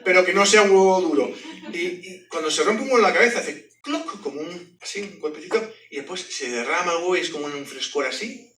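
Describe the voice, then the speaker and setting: A man gives his testimony as a sermon in a fairly quick, high voice, picked up by a distant mic in an echoey hall. He's an animated storyteller who jokes and adds sound effects as he goes.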